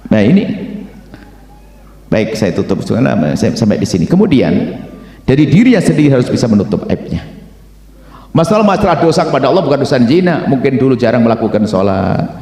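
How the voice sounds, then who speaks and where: A man preaching a sermon, telling stories with animated delivery that rises to shouts for emphasis. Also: mid-range voice, fairly quick, pauses often. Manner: animated storytelling, rising to shouts. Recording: echoey hall with long reverb.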